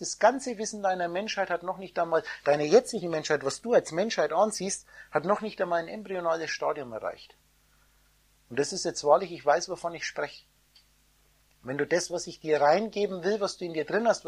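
A woman giving an esoteric sermon, preaching in the first person as God, her loudness swinging between soft and loud. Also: on the low side, breathy edge. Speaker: spiritual teacher.

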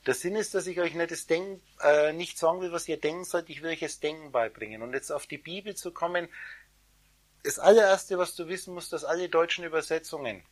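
A spiritual teacher telling a story to a live audience, dramatic and addressing listeners directly, with loudness rising and falling sharply. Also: medium pitch, a little fast. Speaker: spiritual teacher giving a talk.

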